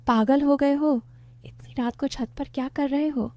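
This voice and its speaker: Woman reading a tender, lonely aunt: soft and coaxing, mellow, dry close mic. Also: high voice, fairly even intonation, a little slow, no room sound, pitched above the performer's own voice. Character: lonely, affectionate middle-aged aunt.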